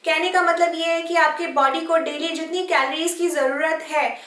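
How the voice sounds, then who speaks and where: A high-pitched woman with a bright, forceful voice gives earnest, encouraging fitness advice to camera, slipping often into English phrases. She sounds set back from the mic in an echoey room. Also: fairly even intonation, normal speed, recorded from a distance. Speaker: fitness vlogger. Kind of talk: instructional fitness talk to camera.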